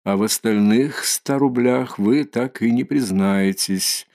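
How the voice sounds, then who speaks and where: A man reading an audiobook and voicing a smug, cold, pedantic official who speaks quietly and insinuatingly. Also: medium pitch, takes it slowly. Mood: cold insinuation. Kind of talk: audiobook character voice.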